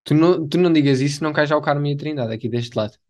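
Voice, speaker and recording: A man's voice: on the high side, very fast, darkish tone. A young man chats casually as a podcast co-host, using slang and repeating himself for emphasis. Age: young adult. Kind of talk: casual chat.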